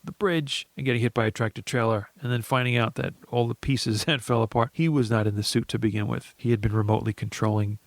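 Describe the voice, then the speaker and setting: A man's voice: medium pitch, fairly even intonation, quick pace, few pauses, dry recording. A man co-hosting a podcast, rambling through a casual movie recap with frequent laughs and restarts. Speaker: podcast co-host.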